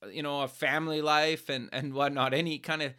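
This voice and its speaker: A man hosting a podcast interview, friendly and affirming, chatting casually with relaxed slang. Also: fairly high pitch, a little fast. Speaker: podcast host.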